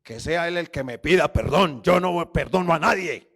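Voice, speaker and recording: Preacher doing a stubborn puffed-up guy, haughty and defiant, high voice. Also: normal speed, creaky, fairly bright tone. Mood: haughty defiance. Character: proud stubborn man ruled by ego, chest puffed up.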